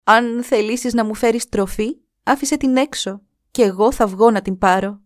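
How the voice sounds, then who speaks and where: A woman's voice: a little high, dry recording, studio quality, natural voice. A woman voicing a wounded young wife who warns her husband to stay away. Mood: pleading, tearful.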